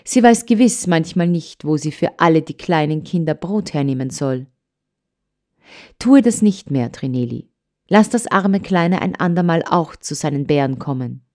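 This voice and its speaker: A woman voicing a kind, earnest old grandmother in an audiobook, admonishing gently and soothingly. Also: deep voice, lively intonation, normal speed. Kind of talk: audiobook character voice.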